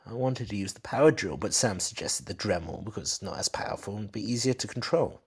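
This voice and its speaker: A man's voice: fairly low pitch, expressive, slightly rough, voice pushed up. A man voicing a distraught husband who talks in a shaky, stammering way full of fillers. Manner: stammering, halting, with many fillers. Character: shaky, distraught middle-aged man, grief-stricken husband.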